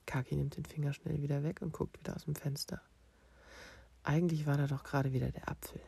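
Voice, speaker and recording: A man reading a children's story, often in a soft whisper. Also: a little high, steady tone, brisk, gravelly, breathy edge. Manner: often softly whispered narration.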